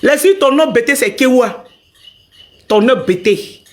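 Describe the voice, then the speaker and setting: A middle-aged woman with a high voice hosts a live stream. She rants at a rival in a heated, angry way, turning now and then to her viewers to ask them to tap. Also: lively intonation, measured pace.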